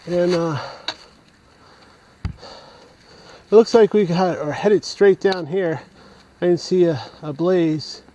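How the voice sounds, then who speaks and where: A man's voice: sits high, slow, long pauses, warm tone. A man vlogging as he hikes a steep mountain trail, short of breath and rambling as he thinks aloud to his camera. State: short of breath while climbing. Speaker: hiker vlogger. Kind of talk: casual hiking vlog narration. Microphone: camera on an extended mount.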